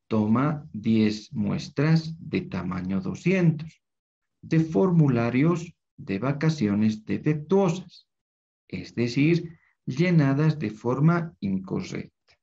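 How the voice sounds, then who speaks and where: A man's voice: mid-range voice, lively intonation, takes it slowly, creaky, mellow, husky. A man teaching a recorded lecture, explaining step by step and often checking with tag questions. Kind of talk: recorded lecture over screen. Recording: dull lo-fi recording.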